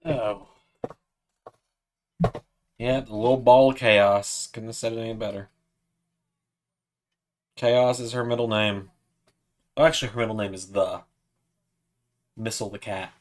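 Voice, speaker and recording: Young male streamer, low-ish voice, casual chatty delivery, coaxing sing-song when addressing a pet. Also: fairly even intonation, a little slow, pauses often. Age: 20s. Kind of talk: casual livestream chat.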